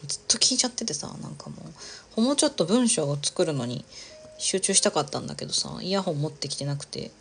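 A woman's voice: deep voice, vocal fry, a little hiss or hum. A woman chatting casually on a livestream while she crafts, rambling from thought to thought, laughing often and reading out viewer comments.

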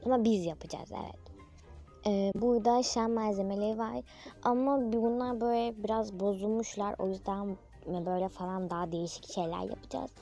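A woman's voice: mid-range voice, fairly even intonation, fairly quick, warm tone, faint music behind. A young female narrator chatting through a toy role-play video, playful and dramatic, talking straight to her viewers.

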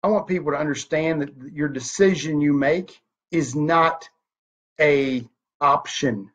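Recorded through a desk webcam with dull, lo-fi quality, a thirty-nine-year-old man from network marketing gives a home office motivational talk full of emphasis, hand gestures, and rhetorical questions. His voice sits on the high side, slightly rough and unhurried.

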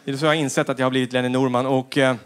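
A middle-aged man doing stand-up comedy on a theater stage, acting out other people with sudden high-pitched shouts. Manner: animated, acts out quotes with sudden high shouts.

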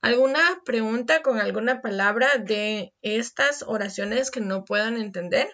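A woman's voice: fairly high pitch, unhurried, fairly bright tone, lo-fi sound. A woman teaching an English class online, switching between Spanish and English and checking in with "verdad?".

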